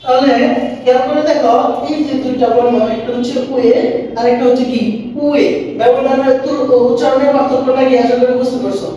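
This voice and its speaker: High-voiced woman teaching in an echoey room. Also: fairly even intonation, fairly quick, warm tone, recorded from a distance, muffled recording, a little hiss or hum. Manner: asks a question, then answers it herself in repetitive drills. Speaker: language teacher. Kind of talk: classroom-style language lesson. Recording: very echoey room, voice away from the mic.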